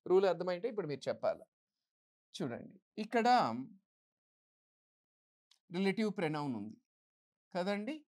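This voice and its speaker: Lively low-voiced woman teacher. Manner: asks the class questions and answers them herself; reads English example sentences slowly and deliberately. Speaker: English grammar teacher. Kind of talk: exam-prep grammar lesson.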